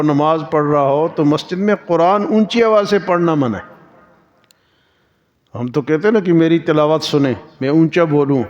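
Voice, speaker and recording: A man teaching a Quran lesson as a sermon, reciting verses slowly and then explaining them in plain speech, with Persian verse chanted in slow drawn-out lines. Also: fairly high pitch, darkish tone, dull audio.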